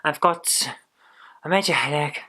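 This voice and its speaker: A tired vlogger talks in a mid-pitched voice. The delivery is casual and rambling, often searching for the next word, with low energy throughout. Noise sits behind the voice on the recording. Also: unhurried, bright, forceful tone. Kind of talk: casual vlog chat.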